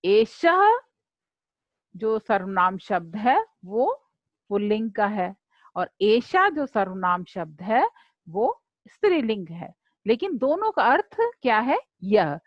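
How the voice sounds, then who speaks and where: A woman teacher explaining a lesson slowly and deliberately, repeating words for her students to say along with her. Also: medium pitch, sing-song, no room sound, dull audio. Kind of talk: slow classroom explanation.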